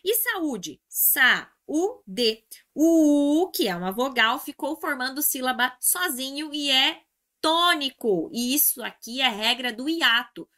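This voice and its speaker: A Brazilian woman teaching an exam review class in a bright, fairly high voice. She walks through each answer step by step and repeats the key terms. She keeps calling out to her students as she goes. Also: animated, a little slow. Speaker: Portuguese language teacher.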